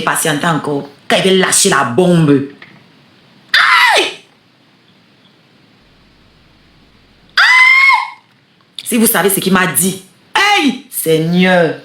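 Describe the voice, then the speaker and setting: A woman's voice: sits low, normal speed, roomy sound, shouting, slight background noise. A woman host, commenting on a replayed live and plugging products, crying out often. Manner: exclamatory, animated, cries out often. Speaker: show host.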